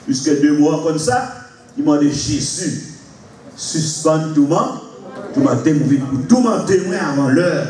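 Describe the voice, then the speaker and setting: A pastor preaching a sermon to his congregation, shifting from slow explanation to shouted exclamations and laughter. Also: a little high, crowd noise. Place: large church hall with congregation. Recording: echoey hall, far from mic, congregation noise.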